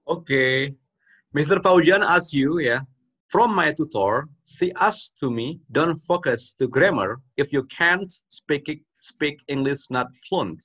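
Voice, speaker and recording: A man hosting a webinar who reads out the audience's questions in a relaxed way. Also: on the high side, slow pace, slightly rough, highs cut off. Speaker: webinar host. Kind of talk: moderating a webinar Q&A.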